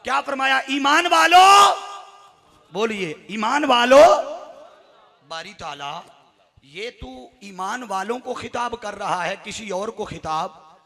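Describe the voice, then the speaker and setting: A man with a Punjabi accent preaches a fiery sermon, his voice very high and sharp with a gravelly edge. He keeps prompting the gathering to answer back and then erupts into shouts. The sound rings with the long reverb of a hall sound system. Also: animated, unhurried. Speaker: Islamic preacher. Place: religious gathering on a stage.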